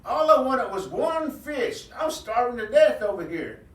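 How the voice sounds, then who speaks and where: Hungry trickster rabbit, male, high and whiny, loud and pleading; a man doing the voice; roomy, slightly distant sound. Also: sing-song, a little slow, heavily acted.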